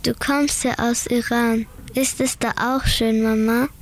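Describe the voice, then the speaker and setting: A young woman hosts a casual radio interview with her mother. Her voice sits a little high and stays flat, with little rise and fall. She asks plain, steady questions. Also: measured pace. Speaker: interviewer, daughter.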